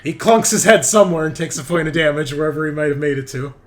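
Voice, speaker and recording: A man with a slightly high voice talks fast as he narrates a tabletop roleplaying game, serving as game master. His delivery is casual, profane, and full of banter, with background music playing.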